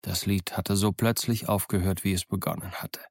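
A man narrating a classic adventure story in the first person, measured and dramatic. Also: sits low, fairly even intonation, vocal fry, dry recording, clean studio sound. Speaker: audiobook narrator.

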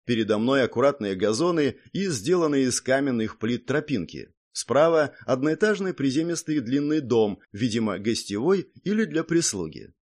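Male audiobook narrator, animated delivery. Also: medium pitch. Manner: steady and matter-of-fact, with wry asides. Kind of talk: first-person audiobook narration.

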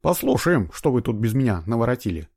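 A man's voice: mid-range voice, big pitch swings, gravelly, a little mellow, husky, full character voice. A man reading a book aloud, voicing a skeptical, blunt police detective. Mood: skeptical, brisk. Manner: quick, doubting, blunt. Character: brisk, skeptical male police detective, middle-aged.

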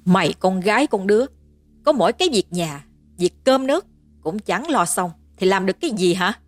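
A woman's voice: mid-range voice, big pitch swings, moderate pace, no echo. A woman voicing a middle-aged peasant mother who screeches curses and insults at her daughter. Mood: shrieking abuse. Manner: screeching, cursing tirade.

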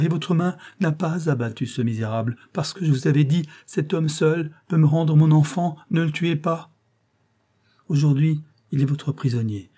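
A man's voice: mellow, natural voice. Man voicing a desperate pleading mother. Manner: pleading, emotional, rising high.

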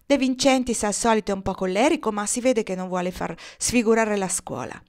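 A jittery young schoolgirl, all nerves, rushes out her advice in an urgent, slightly raised voice, as a woman reads her in an audiobook. Her pitch sits in an ordinary middle range. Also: close to an everyday voice. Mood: anxious. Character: nervous, agitated young female student.

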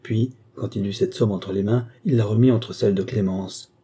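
A man narrates an audiobook in a measured, expressive way. His voice is low, very dark and husky. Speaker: audiobook reader.

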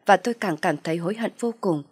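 A woman reading a first-person story aloud in a steady, rueful telling. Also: on the low side, fast talker, slightly rough. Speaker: audio story reader.

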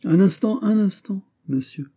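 A man doing a commanding musketeer, pitched high. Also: expressive, unhurried, mellow, husky, heavily acted. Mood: correcting. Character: calm commanding older male musketeer.

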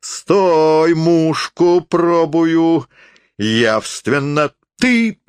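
A man voicing a drunk, menacing old male forester who speaks hoarsely in slurred folksy speech. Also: fairly high pitch, extremely slow, no echo, clean studio sound, pitched above the performer's own voice. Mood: drunk blustering.

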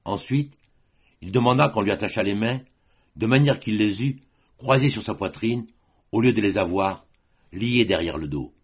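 A man reading a classic story aloud as an audiobook narrator, in a measured, dramatic way. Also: lowish voice, breathy edge. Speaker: audiobook reader.

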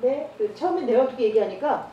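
Muffled and distant, the recording picks up a woman's high-pitched, quick voice in a roomy church hall with faint noise. She's a middle-aged evangelist preacher giving a training talk, telling stories and performing the characters' dialogue in animated voices.

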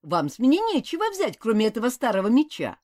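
A woman's voice: a little high, huge pitch swings, fast talker, voice pushed up. A woman voicing a tired, defiant young monk. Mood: wary. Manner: trying to sound loud and sure.

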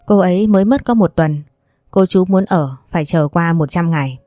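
A stern older man, firm and scolding, as a woman storyteller reads him. The voice sits low and mellow in a dry, close recording, with faint music behind. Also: moderate pace, no echo, lightly acted. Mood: calm. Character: stern older man, protective uncle figure.

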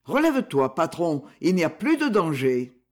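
A man reading a storybook, voicing a big, good-natured miner who speaks in a steady, reassuring way. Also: on the high side, normal speed.

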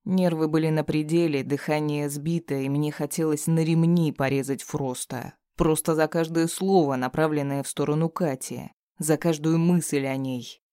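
A man's voice: fairly high pitch, fairly even intonation, normal speed, hardly any pauses, warm tone, clear, resonant tone, no room sound, clean studio sound. A man narrating a first-person audiobook in a tense, grim manner.

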